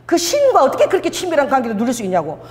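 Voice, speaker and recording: A woman's voice: sits high, wildly swooping pitch, rapid-fire. A woman pastor preaching a sermon, telling stories animatedly, laughing often and acting out dialogue. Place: church sanctuary. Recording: reverberant church hall.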